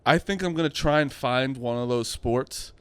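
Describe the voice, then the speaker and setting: A man chatting casually with friends, his voice smooth and clean with a dry, close sound. He tells stories freely, laughs a lot and swears now and then. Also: mid-range voice, moderate pace, a bit bright, no room sound. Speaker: podcast co-host. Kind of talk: casual chat.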